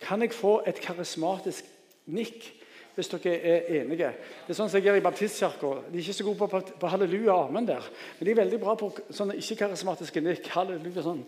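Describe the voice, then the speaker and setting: A man preaching with a high voice that rings out through a church, its reverb trailing long after each phrase. His delivery is lively and joking, and he keeps calling on the congregation to answer. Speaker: guest preacher. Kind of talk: sermon.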